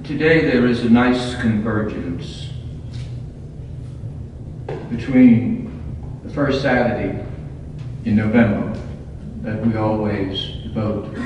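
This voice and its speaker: A man's voice: lowish voice, fairly even intonation. Man preaching in a cathedral echo. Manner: solemn, deliberate short phrases. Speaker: priest, homilist. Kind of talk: Gospel reading and homily at Mass. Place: large reverberant church. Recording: echoey cathedral-like hall, distant, dull, faint noise.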